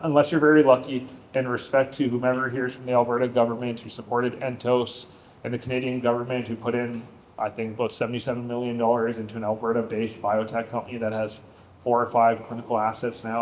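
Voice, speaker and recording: A man's voice: mid-range voice, darkish tone, a little hiss or hum, rough recording. A man speaking as a biotech operator on a panel, emphatic and listing many examples. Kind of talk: panel discussion answer.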